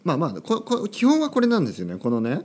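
A man's voice: a little high, huge pitch swings, very fast, noisy background. Playful man hosting a language podcast. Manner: playful and jokey, exaggerating for fun. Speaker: podcast host teaching Japanese. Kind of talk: casual solo podcast for language learners.

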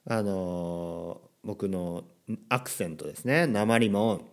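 A man's voice: low voice, slow. A man from Kyushu with a standard accent, hosting a casual solo podcast for language learners and chatting with frequent asides and questions to the listener. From Kyushu, Japan. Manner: chatty, self-deprecating, frequent filler asides and rhetorical questions. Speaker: podcast host.

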